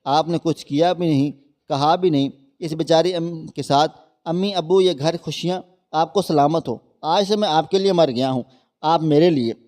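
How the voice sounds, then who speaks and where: A man's voice: fairly high pitch, darkish tone, big-room sound, lightly acted. A man voicing a remorseful, devoted young husband in a storybook reading, speaking with passion. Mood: reproachful. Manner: impassioned, reproachful. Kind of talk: storybook narration.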